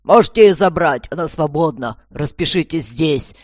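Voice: mid-range voice, expressive, moderate pace, dry recording, lightly acted. The storybook narrator voicing an irritable, stout police commissar who grumbles and barks orders. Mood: irritated.

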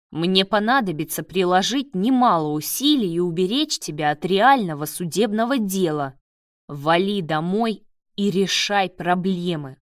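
A woman's voice: fairly low pitch, no echo, clean studio sound, recorded from a distance, lightly acted. Woman voicing a furious male surgeon. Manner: shouting, scolding. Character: angry male surgeon, head of hospital.

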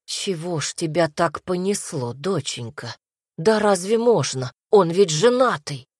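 Casting: anxious lamenting mother in an audiobook, read by a woman, lowish dry voice. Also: animated, unhurried, slightly rough, no room sound. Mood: fretful. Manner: fretful, lamenting, hushed. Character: worried fretful mother, soft and lamenting.

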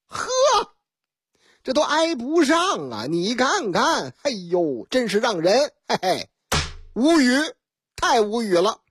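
A woman's voice: fairly high pitch, takes it slowly, noisy background. A woman radio host with a Beijing accent, telling comic stories in a chatty, teasing way. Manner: chatty, teasing, lively asides. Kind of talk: Beijing-dialect comic storytelling.

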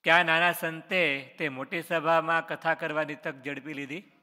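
A man's voice: fairly high pitch, steady tone, moderate pace, sharp tone, big-room sound. A man, a religious teacher reading out quiz questions on scripture stories and answering each one, with short explanations. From Gujarat, India.

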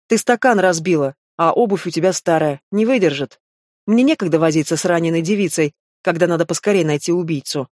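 A reader voicing a curt, cold investigator. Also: male voice, fairly high pitch, fairly quick, a little mellow, no echo, clean studio sound, natural voice. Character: stern sardonic male investigator, young adult.

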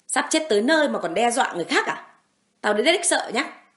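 A woman voicing a gang of crude male thugs, jeering loudly and later groveling and stammering for mercy. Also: on the high side, sing-song, brisk, reverberant, pitched above the performer's own voice.

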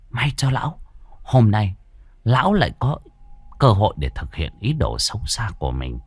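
A man's voice: on the low side, no echo, clean studio sound. A man narrating a ghost story with a dramatic, ominous delivery.

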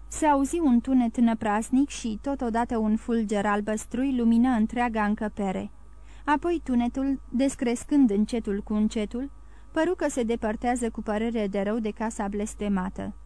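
A woman narrating a classic novel as an audiobook in a steady, measured storytelling way. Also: fairly high pitch, no room sound.

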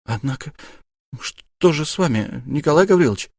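A man's voice: fairly high pitch, lively intonation, normal speed, creaky, no room sound, clean studio sound, pitched above the performer's own voice. A man voicing a sad, wry young noblewoman. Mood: bitter. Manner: soft, bitter, wistful. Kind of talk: audiobook character voice.

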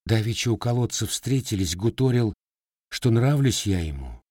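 A man's voice: lowish voice, expressive, moderate pace, darkish tone, no echo, clean studio sound, pitched above the performer's own voice. A man voicing a sly, teasing young Cossack widow in a storybook reading, raising his voice for her. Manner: slightly raised, teasing folk speech.

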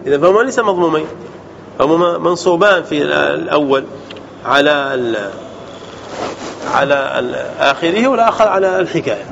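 A man teaching an Arabic grammar lesson as a sheikh, explaining rules and quizzing his students with quick questions. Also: sits high, creaky, fairly bright tone. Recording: dull lo-fi sound with faint noise.

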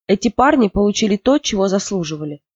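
A storyteller voicing a stern, angry middle-aged father who shouts and forbids, in a dull, dry recording. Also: mid-range voice, normal speed, dry recording, close to an everyday voice.

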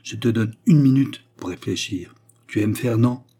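A man's voice: on the low side, moderate pace, warm tone, slightly rough. A man reading a novel aloud and voicing a fierce, hard-handed young courtesan who speaks in clipped, jerky bursts. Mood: threatening. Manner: clipped, jerky, metallic speech. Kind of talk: audiobook character reading.

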